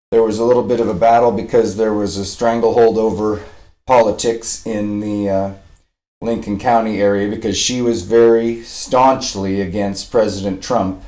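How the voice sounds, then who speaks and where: A man's voice: fairly low pitch, a little mellow, reverberant. A man talking casually on a live stream, cooing over a puppy and rambling with fillers, a bit sniffly. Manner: coos and baby-talks to a puppy. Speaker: dog rescuer live-streaming.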